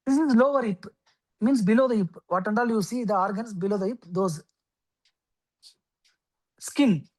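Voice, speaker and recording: A woman teaching an astrology class, explaining step by step with frequent okays and pauses. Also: medium pitch, a little mellow, poor audio. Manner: explains slowly with many okays and fillers. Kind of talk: lecture.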